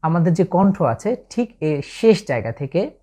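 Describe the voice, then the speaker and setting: Her low-pitched, dark voice is very animated as she patiently shows Quranic Arabic letter sounds in a Bangladeshi Bengali accent. She goes slowly, drawing out every letter she demonstrates.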